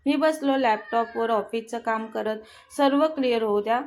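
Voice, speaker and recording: A woman voicing an irritated, sharp-tongued young wife in a storybook reading, in a snappish way. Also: a little high, moderate pace, slight background noise, natural voice.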